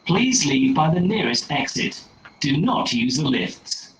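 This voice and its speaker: A man giving a calm, formal evacuation announcement over a building's public address system. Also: on the high side, measured pace, crowd noise. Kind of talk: recorded emergency announcement. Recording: echoey loudspeaker in a building, heard from far off, with people around.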